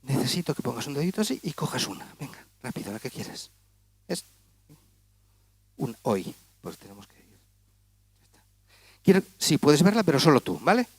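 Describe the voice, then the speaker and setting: A man from performs a comic magic act on an auditorium stage, teasing his volunteers as he talks. His pitch sits a little high and swings about animatedly. The sound is close and dry, with little room echo. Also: sing-song, moderate pace, long pauses, breathy edge. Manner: playful, teasing, chatty with volunteers. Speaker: magician entertaining a gala audience.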